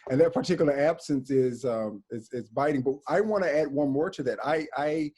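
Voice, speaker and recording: Warm, husky-voiced man from Mississippi. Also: mid-range voice, brisk. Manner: thoughtful, searching for words, self-correcting. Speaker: writer and panelist. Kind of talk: panel discussion.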